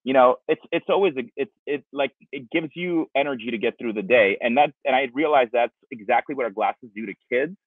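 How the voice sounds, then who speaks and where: Over wireless earbuds on a video call, a man in his forties who was born in Russia and founded a company speaks from an outdoor patio as a guest. His mid-range voice runs a little fast with few pauses, and the thin, phone-like recording is dry with no room sound. His interview answers ramble, full of restarts and fillers.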